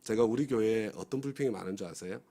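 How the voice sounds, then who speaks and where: Male pastor with a somewhat low voice; preaches a dawn sermon, has the congregation repeat phrases after him and keeps checking that they agree. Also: quick pace, mellow, slightly rough. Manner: acts out inner voices of complaining people. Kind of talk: sermon at a dawn prayer service.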